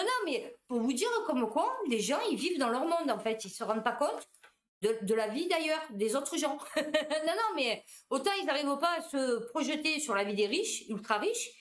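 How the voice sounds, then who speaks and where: A woman, a supermarket cashier, telling anecdotes in a casual, animated monologue. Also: high-pitched.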